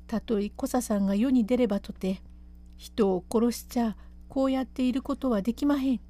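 A woman voicing an anxious woman attendant in an old pleasure house, urgently coaxing a courtesan to calm down in quarter speech. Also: a little high, close to an everyday voice.

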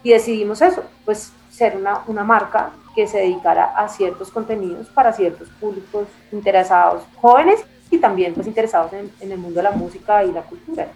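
This interview guest, a Bogotá woman who edits a music and culture magazine, speaks briskly in a mid-range, darkish voice with hardly any pauses. Her Colombian capital accent carries a casual, reflective, emphatic manner, with phrases repeated for stress, on a low-quality recording.

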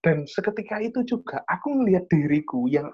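A man's voice: high-pitched, lively intonation, a little fast, slightly rough. Young east javanese guy rambling through a personal story, earnest, kinda muffled lo-fi sound. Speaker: storyteller sharing a testimony. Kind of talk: casual chat.

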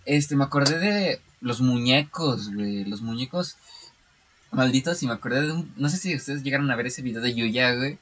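A young man with a Mexican accent in casual chat with friends, slangy and quick, dropping "güey" constantly. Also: mid-range voice, a bit bright, slight background noise. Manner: fast, slangy, peppers speech with "güey".

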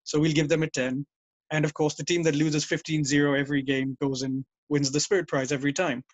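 Interviewed casually over a call, this man, whose first language is English, tells long, wandering tales of the old days and keeps correcting himself partway through sentences. His voice is on the high side with little pitch movement, a little fast, with no room sound.

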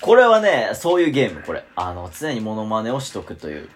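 A man explaining game rules in casual chat, jumping into excited yelps. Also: lowish voice, quick pace. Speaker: gamer.

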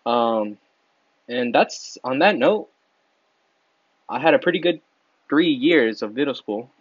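A man's voice: mid-range voice, animated, slow, dry recording, lo-fi sound. Crude rambling teenage boy. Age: teens. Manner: crude, laughs mid-sentence, stumbles and repeats words. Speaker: vlogger. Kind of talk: casual rambling monologue.

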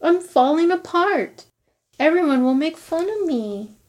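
A woman's voice: high-pitched, very animated, normal speed. A woman voicing a worried young skeleton boy in a picture book, in a raised, tearful voice.

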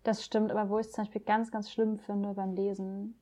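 A woman's voice: mid-range voice, fairly quick. A woman co-hosting a podcast, chatting casually and emphatically about writing craft. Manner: animated, emphatic, acts out examples. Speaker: podcast co-host.

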